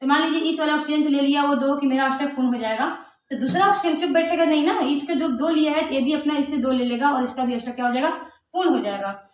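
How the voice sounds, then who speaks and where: High-voiced woman teaching in an echoey room. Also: quick pace, distant mic. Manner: plays the atoms in little voices, chatty and playful. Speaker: chemistry teacher. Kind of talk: classroom lecture.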